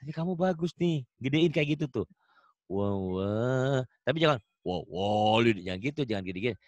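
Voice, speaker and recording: Animated chatty male Quran teacher. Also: mid-range voice, no room sound. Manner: chatty, coaching, chanting examples in a drawn-out melodic voice. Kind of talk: online Quran recitation lesson. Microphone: video call.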